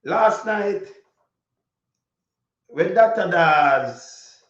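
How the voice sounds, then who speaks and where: A man's voice: sits high, expressive, extremely slow, a bit bright. A Jamaican man giving an informal political rant in Patois, blunt and indignant, with heavy swearing. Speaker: political commentator. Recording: dull lo-fi audio, echoey room.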